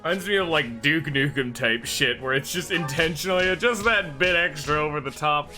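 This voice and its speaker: Bright-voiced man doing sweary game commentary. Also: on the high side, moderate pace, soft background music. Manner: sweary, rambling. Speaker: gameplay commentator. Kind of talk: casual video game commentary.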